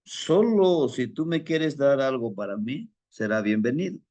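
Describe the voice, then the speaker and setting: A man's voice: mid-range voice, animated, mellow, close to an everyday voice. A man voicing a patient wise old grandfather. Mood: calm, kindly. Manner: patient, soothing, unhurried. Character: gentle wise old male village elder.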